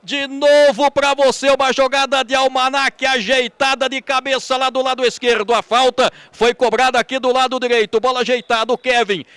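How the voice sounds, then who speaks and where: A man with a Brazilian accent giving explosive, shouted live football goal commentary as play-by-play announcer. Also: very high-pitched, flat delivery, normal speed, hardly any pauses, smooth, dry recording.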